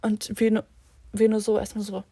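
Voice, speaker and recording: A woman's voice: medium pitch, monotone, moderate pace, dark tone, husky, no room sound, clean studio sound. A teenage girl rambling casually to her listeners in a slangy way, slipping in English words. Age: teens. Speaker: vlogger.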